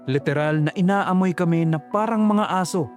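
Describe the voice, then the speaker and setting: Faint music plays beneath a man narrating a first-person horror story in a slow, ominous, reflective voice. His pitch is a little high, though his tone is darkish.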